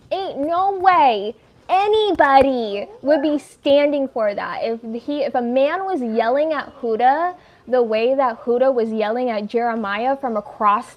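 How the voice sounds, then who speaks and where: Woman, US-raised livestream host, casual crochet chat at home, tangent-prone, fairly high voice. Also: muffled recording. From United States. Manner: chatty and rambling, lots of "like", easily sidetracked.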